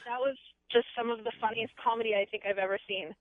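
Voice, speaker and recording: A woman's voice: on the high side, steady tone, fast talker, dry recording. Woman caller on a tinny phone line. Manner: gushing, friendly fan. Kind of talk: radio call-in.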